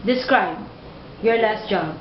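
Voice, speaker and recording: A woman's voice: mid-range voice, slow pace, a little hiss or hum. A woman conducting a job interview, patiently repeating and rephrasing her questions. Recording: dull roomy recording.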